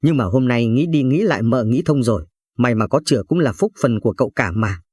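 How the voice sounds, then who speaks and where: A man's voice: medium pitch, animated, fast, darkish tone, husky, dry recording, studio quality. A man voicing a jealous, spiteful young wife in a narrated story, with a sneering, cutting manner. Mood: honeyed.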